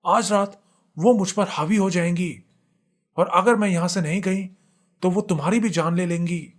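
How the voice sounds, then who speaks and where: A frightened young wife, voiced by a man, pleads through tears in a spoken horror story. Her voice sits higher and louder than the narrator's, and it strains with desperation. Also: slow, gravelly, exaggerated voice. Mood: desperate. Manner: crying, pleading, shouting.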